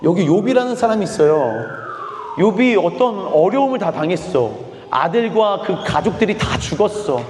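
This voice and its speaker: A man's voice: high-pitched, expressive, moderate pace, darkish tone, a little hiss or hum. A man in his thirties preaching a sermon as pastor, mixing English words into his Korean and putting questions to the congregation. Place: church sanctuary. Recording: echoey church hall with long reverb.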